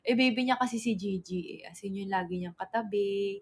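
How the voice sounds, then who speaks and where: A woman's voice: mid-range voice, a little fast, creaky, rough recording. A woman, chatting on a livestream, rambling through a story with many fillers and self-corrections and reading out viewer comments. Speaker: livestream host.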